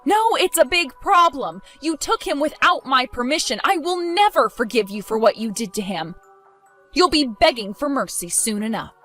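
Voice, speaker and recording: A woman's voice: high-pitched, expressive, moderate pace, pushed and bright, faint music behind, heavily acted. A woman voicing a protective young mother in a dramatized story, accusing and sarcastic.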